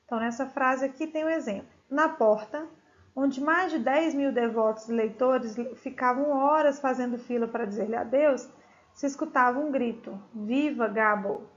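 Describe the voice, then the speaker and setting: A woman's voice: sits high, normal speed. A woman with a Brazilian Portuguese accent teaching a Spanish class, explaining each point twice and often adding tag questions. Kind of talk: recorded remote class, explaining a text. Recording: dull lo-fi recording.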